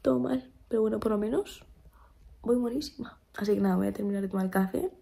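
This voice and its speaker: Young woman vlogger, sleepy, chatty storyteller, dark fry-tinged tone. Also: mid-range voice, fast. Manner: chatty, animated storytelling, slips into whispers. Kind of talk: casual vlog chat to camera.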